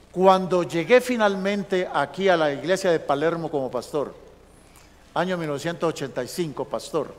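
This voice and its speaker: A male pastor telling a lively story in a sermon, acting out the dialogue of the people in it. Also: sits high. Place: large church sanctuary. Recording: long church hall reverb.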